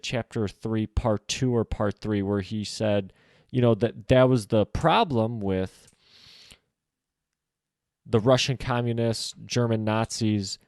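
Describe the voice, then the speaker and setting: A man's voice: mid-range voice, darkish tone, no room sound, clean studio sound. A man hosting a solo podcast, casually discussing a novel, thinking aloud with frequent filler words.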